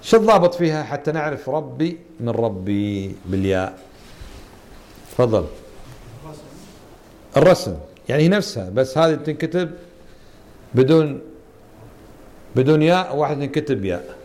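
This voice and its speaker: A man's voice: mid-range voice, animated, moderate pace, long pauses, a little mellow. A man teaching a Quran interpretation lesson as a religious teacher, quizzing his students and repeating and stressing key words.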